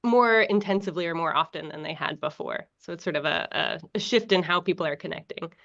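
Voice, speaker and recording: Speaking quickly in a lowish, creaky voice, an American woman from the US talks about her research as a guest on a video call, with the high frequencies cut off. She stays relaxed, leaning on many fillers and restarting often.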